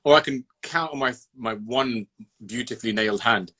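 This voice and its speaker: A man with a husky, mid-pitched voice hosts a casual interview. He talks loosely and with enthusiasm, swearing freely as he goes. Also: moderate pace, bright, forceful tone. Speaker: host. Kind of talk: casual interview over a phone call.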